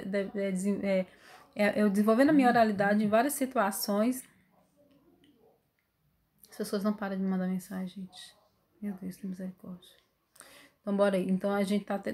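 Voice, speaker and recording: A woman lecturer teaching an online class from home, recorded on her phone. She reads long lists aloud and explains them in a loose, spoken way. Her delivery is full of fillers and phrases she breaks off and starts again. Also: medium pitch. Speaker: university lecturer.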